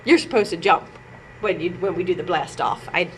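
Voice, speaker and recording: At a library storytime, a woman with a fairly low voice talks briskly and playfully right to the young children, reading aloud and singing with them. She's animated throughout, and the recording has some noise.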